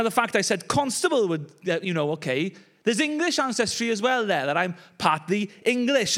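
This high, slightly bright voice belongs to a young man from Wales, a pastor whose conversational preaching is sprinkled with joking asides and laughter, in a chatty manner.

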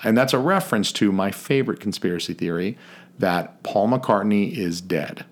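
A man co-hosting a podcast, speaking in a measured, mock-formal way that breaks into casual swearing. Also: lowish voice, expressive. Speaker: podcast co-host.

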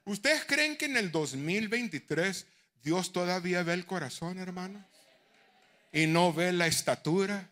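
A middle-aged man preaching as a bishop, dropping to near-whispers and then rising to shouted exhortation, with English phrases mixed in. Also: high voice, expressive, a little slow. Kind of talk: sermon.

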